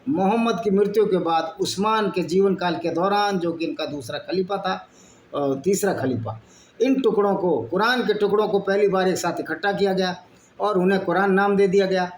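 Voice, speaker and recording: High-voiced man reading in an echoey room. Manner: argumentative, mixes reading with blunt asides. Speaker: channel host. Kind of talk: reading and commenting on texts. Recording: echoey room with faint background noise.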